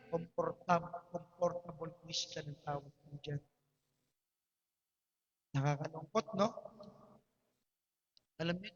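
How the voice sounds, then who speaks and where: A man's voice: on the high side, fairly bright tone. A Filipino man preaching a sermon, his voice strained, with emphatic repetitions and rhetorical questions. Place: church hall. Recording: dull livestream audio in a reverberant hall.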